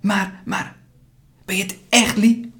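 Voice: mid-range voice, flat delivery, a little slow, fairly bright tone, voice pushed up, natural voice. Een voorlezer die speelt een stamelende, verbijsterde jongen. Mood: upset. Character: frightened, stammering young Korean boy.

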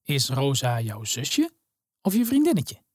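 A woman voicing a kind, calm male pastor speaking gently to children. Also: a bass voice, measured pace, dry recording, clean studio sound, exaggerated voice. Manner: calm, friendly and reassuring.

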